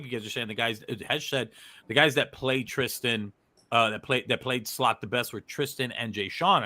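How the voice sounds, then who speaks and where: Bright, dry-sounding show host. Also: male voice, medium pitch, dry recording. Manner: relaxed, reads out chat comments. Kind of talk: casual hosting, reading chat.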